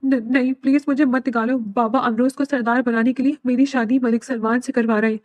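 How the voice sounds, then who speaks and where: A woman's voice: a little high, fairly even intonation, darkish tone, no echo, dull audio, close to an everyday voice. Woman reading as a tearful pleading young woman.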